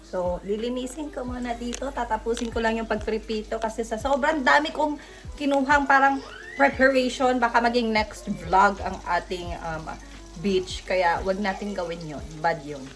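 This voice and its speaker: A woman's voice: on the high side, steady tone, moderate pace, faint music behind. A Filipina mother from the Philippines chatting casually in a home vlog, talkative and self-mocking with playful asides. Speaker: vlogger mom. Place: home kitchen.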